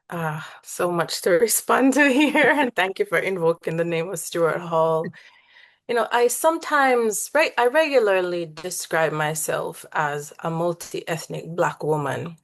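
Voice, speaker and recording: Gravelly woman, earnest panelist. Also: low voice, fairly bright tone. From Jamaica. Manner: earnest, emphatic, frequent "right?". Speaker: poet and professor on a panel. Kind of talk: panel discussion.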